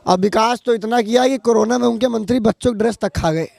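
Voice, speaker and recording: A man's voice: very high-pitched, fast talker, gravelly, darkish tone, no room sound. A man, speaking in a heated street interview in a fiery, accusing, oratorical way. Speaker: local resident interviewed.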